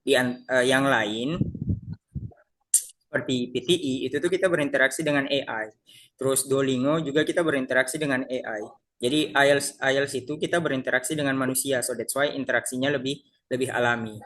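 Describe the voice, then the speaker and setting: In a casual online class, an IELTS teacher talks to his students like friends, regularly restarting sentences partway through. His mid-range, slightly bright voice runs a little fast with fairly even intonation, and there's a faint hiss or hum.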